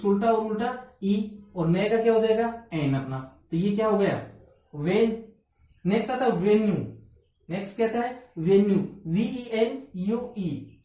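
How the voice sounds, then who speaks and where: A woman teacher gives a phonetics lesson in a mellow tone, asking a question and then answering it herself. She sounds a little distant from the mic, in a strongly echoing room. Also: mid-range voice. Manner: asks questions and answers them herself, spells letters out. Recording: echoey room, from far off.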